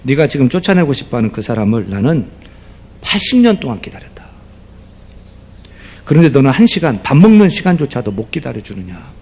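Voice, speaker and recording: A male pastor voicing God gently rebuking a man, in an earnest tone. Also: mid-range voice, sing-song, brisk, long pauses, husky. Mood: earnest rebuke. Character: God speaking to a man, patient and reproachful.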